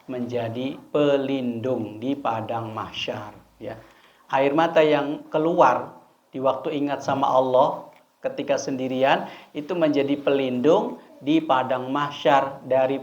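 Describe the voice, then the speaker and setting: A man preaches in a chatty, question-and-answer manner, at a middle pitch. The recording sounds dull and lo-fi. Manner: conversational, often asking and answering his own questions. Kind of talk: religious study talk.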